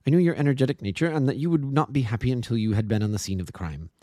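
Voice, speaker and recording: A man voicing a brisk, self-assured police inspector in an audiobook. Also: medium pitch, mellow, no echo, studio quality, close to an everyday voice. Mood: confident.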